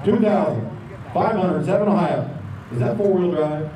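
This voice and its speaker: A man working as an auctioneer, calling bids in a rapid rolling chant. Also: high voice, lively intonation, dark tone. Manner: rapid rolling bid calls. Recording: distant echoey dull noisy outdoor capture.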